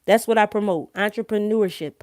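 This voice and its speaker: Her voice sits at medium pitch, brisk and a little mellow, captured with studio quality and no room sound. She's an online host talking informally to her live-stream audience in a thick Philadelphia accent, opinionated, slangy and cursing freely. Again and again she uses tag questions to make sure viewers are keeping up.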